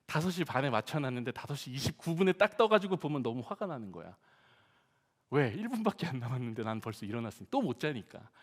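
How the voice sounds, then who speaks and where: A man preaching a sermon as pastor, telling humorous stories in a lively way and often addressing the congregation directly. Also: medium pitch, quick pace. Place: church sanctuary. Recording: long church hall reverb.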